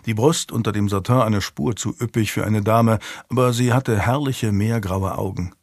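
A man narrating a historical novel in a calm, even storytelling manner. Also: lowish voice, moderate pace, no echo, studio quality. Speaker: audiobook narrator. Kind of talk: scripted narration.

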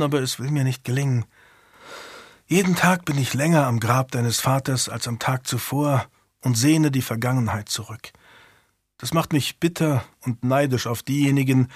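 A man reading an audiobook voices a grieving older noble widow, speaking quietly and sadly. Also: medium pitch, breathy edge, dry recording, studio quality, natural voice.

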